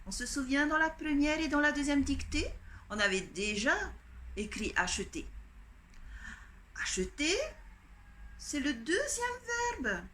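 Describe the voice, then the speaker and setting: A woman's voice: high-pitched, sing-song, measured pace, pauses often, a bit bright, a little hiss or hum. A woman primary school teacher giving a dictation lesson to children, patiently spelling out each letter and pen stroke step by step. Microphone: home recording for an online class.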